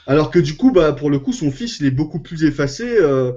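French man, higher voice, host of a casual film panel, joking and animated, dull lo-fi recording. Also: brisk. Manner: animated, jokey, leads the discussion. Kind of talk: casual film review chat.

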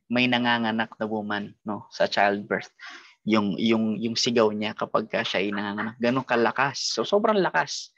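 A man's voice: fairly low pitch, fairly bright tone, no echo, highs cut off. A man with a Filipino accent leading an online Bible study lesson, explaining step by step and often ending phrases with a tag question. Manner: explains with frequent tag questions and mixes English into Tagalog.

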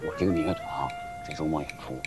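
A man acting in a TV drama as a struggling music troupe founder, wheedling and animated. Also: extremely low pitch, very fast. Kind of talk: TV drama dialogue.

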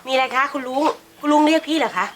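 A woman's voice: high-pitched, racing, noisy background, close to an everyday voice. A woman playing a patient, motherly housemaid who teaches English in an online short drama. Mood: teasing. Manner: patient and motherly, talks in a teasing then gentle way.

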